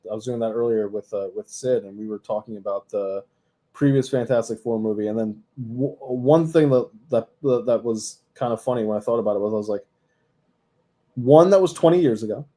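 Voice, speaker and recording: Mellow-voiced man in his thirties. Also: medium pitch, brisk. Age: 30s. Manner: hesitant, filler-heavy, laughing asides. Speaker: podcast co-host. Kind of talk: casual sports chat.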